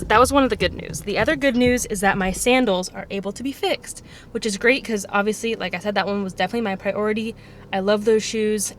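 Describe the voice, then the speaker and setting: A medium-pitched young woman in her twenties vlogs casually, with a little hiss or hum in the recording. She talks to her camera at home and later in a parked car, recorded on its on-board mic at arm's length, and her delivery is chatty, slightly self-conscious, and loaded with fillers.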